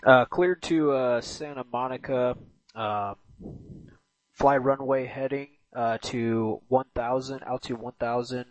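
A man's voice: medium pitch, fairly even intonation, unhurried, no echo. A man flying as a pilot, calling ground control over an aviation radio transmission and hesitating as he reads back. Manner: hesitant, many uh fillers. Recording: muffled dry radio audio.

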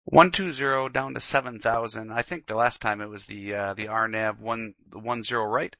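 A man's voice: on the low side, normal speed, bright, forceful tone, no room sound. A man working as a pilot, making procedural radio calls and readbacks.

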